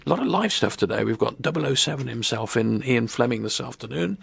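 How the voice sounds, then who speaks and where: A man hosting live local radio in a gravelly, creaky voice, rambling and joking with plenty of fillers. The sound is close and dry, with no room echo. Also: mid-range voice, lively intonation, fast. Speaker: radio show host. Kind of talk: casual live radio chat. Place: broadcast from a stadium room.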